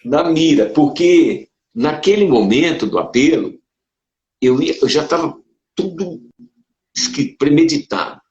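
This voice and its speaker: A man, a Brazilian pastor, telling his conversion story in a casual conversation, animated and emotional, with sudden leaps up in pitch. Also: unhurried. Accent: Brazilian Portuguese. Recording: dull roomy sound.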